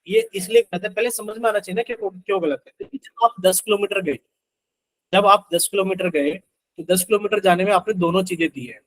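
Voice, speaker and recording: A high-voiced man leads a live math class online, moving through a problem step by step and repeatedly pausing to check whether students follow. It sounds like a video call, with fairly quick, fairly even speech and poor audio carrying a faint hiss or hum.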